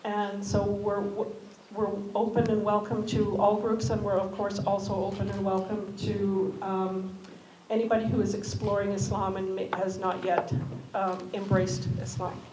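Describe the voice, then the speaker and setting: A woman moderates a community panel in a roomy, echoing hall, her voice staying in a narrow, even band. She speaks hesitantly, pausing often on fillers, over steady background noise. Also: medium pitch. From Canada.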